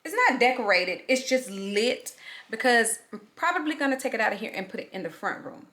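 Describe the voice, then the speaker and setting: Bright-voiced woman vlogger with a swollen lip. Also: a little high, animated, brisk. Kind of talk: casual chatty get-ready-with-me vlog.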